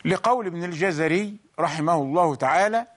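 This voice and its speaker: Man, recitation teacher, deliberate, high-pitched. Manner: slow, deliberate explanations, chanting the examples. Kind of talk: bilingual tajweed lesson.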